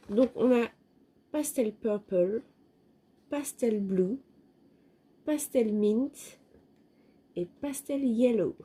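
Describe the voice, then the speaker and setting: A woman from France talks through a craft shopping haul in an unhurried, relaxed way, her voice soft and mellow rather than bright. She hesitates often with fillers and drops in little self-mocking asides, keeping the tone easygoing and chatty. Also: medium pitch, breathy edge. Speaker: craft vlogger showing a haul. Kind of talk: casual product review talk.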